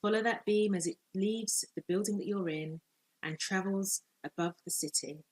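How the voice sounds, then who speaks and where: A woman life coach leading a guided visualisation, speaking in slow, soothing, measured instructions with long pauses. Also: medium pitch, slightly rough, rough recording.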